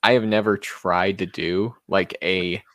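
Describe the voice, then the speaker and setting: Man, podcast co-host, casual chat, low voice, self-deprecating, rambling. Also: fairly even intonation, measured pace, a bit bright, no echo, clean studio sound.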